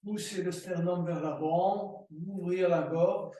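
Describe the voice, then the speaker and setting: A man teaching a yoga class, giving slow, calm breathing and movement cues. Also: high-pitched, recorded from a distance. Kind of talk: guided yoga class instruction. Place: room recorded as an online class. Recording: roomy echo, voice from afar.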